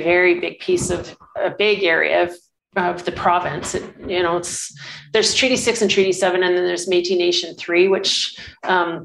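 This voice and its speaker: A woman's voice: lowish voice, vocal fry, a little hiss or hum, rough recording. A woman in her sixties, a guest photographer, telling stories in a casual interview in an earnest, rambling way full of restarts. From Canada.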